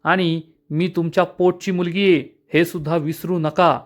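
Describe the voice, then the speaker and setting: A man's voice: fairly high pitch, level tone, moderate pace, lightly acted. A man reading out the lines of a scheming, taunting woman from a TV serial, raising his voice for her. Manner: taunting, sneering. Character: scheming, mocking adult daughter of the house.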